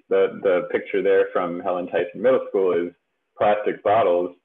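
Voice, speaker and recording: A man presenting in a casual webinar from home with a headset, relaxed and chatty with many fillers. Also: sits low. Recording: tinny phone-like webinar audio.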